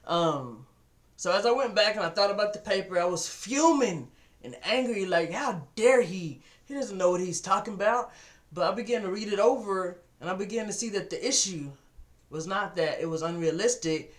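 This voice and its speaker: A man's voice: high-pitched, lively intonation, moderate pace. A man giving a casual motivational talk to his webcam, telling stories and acting out what people said. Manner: storytelling, acts out quoted voices, repeats words. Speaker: vlogger. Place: at home at a computer.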